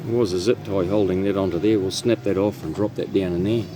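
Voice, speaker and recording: Over background music, a fast-talking man with a low pitch and fairly even intonation narrates his own repair video. He's a New Zealand radio technician working in and around a truck cab, explaining the job casually and plainly while vehicle ambience and background noise come through clearly.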